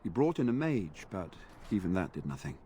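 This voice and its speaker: An actor playing an earnest, weary knight in a video game, speaking in formal, courtly phrases. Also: male voice, deep voice, sing-song, a little fast, dark tone, a little hiss or hum. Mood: solemn. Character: earnest knight sworn to a noble lord, weary and dutiful. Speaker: game character.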